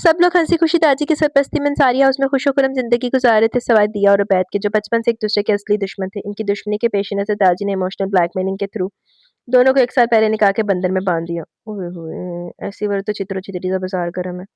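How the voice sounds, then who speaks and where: A woman hosting her own channel, reading a romance novel aloud in a lively way and voicing the characters. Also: medium pitch, quick pace, no echo. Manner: lively, raises her voice for quoted dialogue. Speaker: novel reader and channel host.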